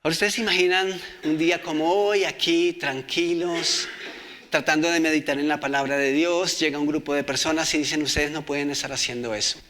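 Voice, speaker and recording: Bright-voiced preacher. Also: male voice, fairly high pitch, fairly even intonation, fairly quick. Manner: reads scripture aloud and asks the congregation questions. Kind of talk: sermon.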